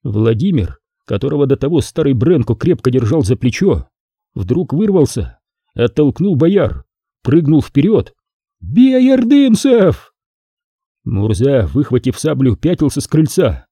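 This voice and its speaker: Male audiobook narrator, expressive storytelling; warm tone, animated pitch. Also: normal speed, husky, dry recording. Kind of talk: scripted narration.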